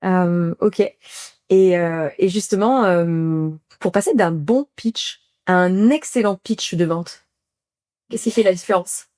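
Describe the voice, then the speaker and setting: A woman's voice: on the low side, takes it slowly, dark tone. A woman hosting a podcast, asking questions and encouraging her guest in a casual chat. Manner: attentive, encouraging interviewer with frequent backchannels. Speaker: podcast host. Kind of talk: casual conversational interview.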